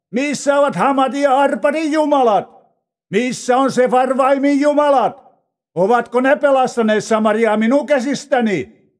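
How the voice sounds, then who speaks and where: A high, proud male envoy taunts and proclaims, as a male reader puts him on. He speaks slowly, drawing out his boasts. He sounds like a figure in a dramatized audio scripture reading. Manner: taunting, declamatory.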